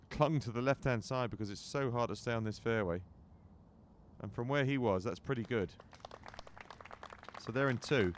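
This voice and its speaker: Golf commentator, male, lowish voice, clipped shot calls and dry asides, noticeable noise behind. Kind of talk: golf commentary, short measured remarks on each shot.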